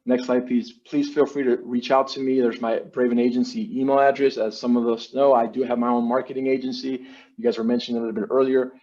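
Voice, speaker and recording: A man's voice: mid-range voice, little pitch movement, fast, few pauses, dark tone. A man giving an informal, salesy slide presentation in an online meeting, speaking in casual business jargon. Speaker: presenter, marketing agency owner. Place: virtual meeting. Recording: dull lo-fi online meeting audio.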